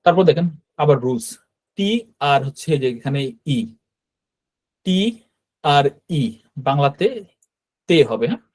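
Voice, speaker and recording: A man with a Bangladeshi Bengali accent leads a beginner language lesson over a video call. His voice is slightly high and mellow in tone. He explains patiently, step by step, and keeps checking in with his students. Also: unhurried, pauses often, low-quality recording. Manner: explanatory, checks in with frequent "right?". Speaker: Japanese language teacher. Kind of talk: online class teaching.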